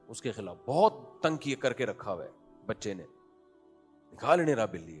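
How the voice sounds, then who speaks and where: A man giving a humorous, conversational sermon as a preacher, telling family anecdotes in a joking tone. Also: a little high. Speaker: Islamic preacher.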